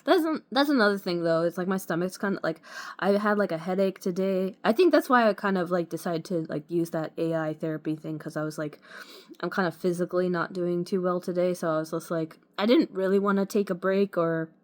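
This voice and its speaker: A woman's voice: on the low side, fairly quick. A woman talking casually to the camera in a rambling way, full of fillers and restarts. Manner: rambling, many fillers, frequent "like" and "you know". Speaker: vlogger.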